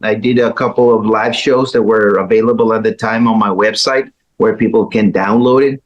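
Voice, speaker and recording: A middle-aged man from Chile, a guitarist telling his story as a guest in a casual interview, easygoing, with pauses and restarts. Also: on the low side, steady tone, highs cut off.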